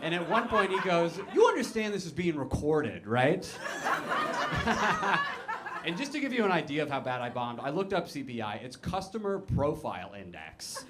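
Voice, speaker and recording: Doing stand-up, a man spins self-mocking stories and voices other people's quotes as the audience laughs. His voice runs on the high side with big pitch swings, brisk and with hardly any pauses, over background noise.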